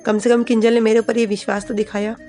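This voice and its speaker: A woman's voice: a little high, level tone, fast talker, dark tone, soft background music. A woman retelling the plot of a TV serial episode in a plain, casual narrating voice, reading the characters' quoted lines without acting them out. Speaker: storyteller recapping a TV serial. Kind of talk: casual spoken recap narration.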